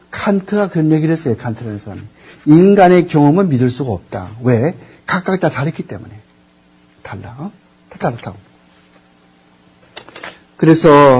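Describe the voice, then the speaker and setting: A man's voice: fairly high pitch, warm tone, husky. An older man lecturing on theology, rambling, searching for words and quizzing the audience with questions. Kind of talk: classroom lecture.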